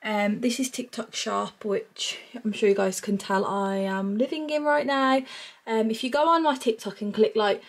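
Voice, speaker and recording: Indoors in a small room at home, a woman in her twenties with a British accent vlogs casually to camera, gushing and informal. She speaks in a mid-range voice at a moderate pace.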